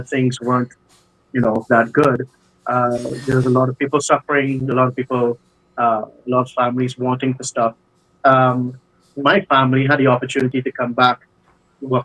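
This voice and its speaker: A man's voice: medium pitch, fairly bright tone, low-quality recording. A man, a guest telling his life story in a casual interview over a video call, with many hesitations and fillers. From Barbados. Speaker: guest, business owner.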